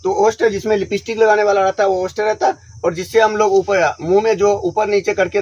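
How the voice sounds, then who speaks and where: A man teaching a grammar lesson, who asks questions, answers them himself and sounds out letters slowly one by one. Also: high voice, little pitch movement, a little mellow, husky, muffled recording.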